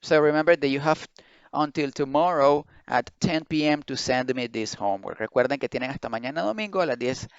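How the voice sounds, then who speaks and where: A man teaching English pronunciation online, slowly drilling words syllable by syllable and explaining them. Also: medium pitch, clean tone, no room sound. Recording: dry, dull lo-fi sound.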